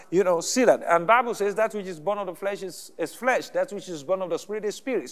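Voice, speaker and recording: High-voiced preacher man in a reverberant hall. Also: a bit bright. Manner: teaching with call-and-response checks. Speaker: pastor. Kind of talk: sermon. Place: church hall.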